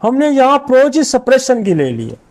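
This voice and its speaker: High-voiced man lecturing on remedies. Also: huge pitch swings, darkish tone. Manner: confident, rattles off long lists of remedies. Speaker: homeopathic doctor lecturing. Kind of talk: informal medical lecture.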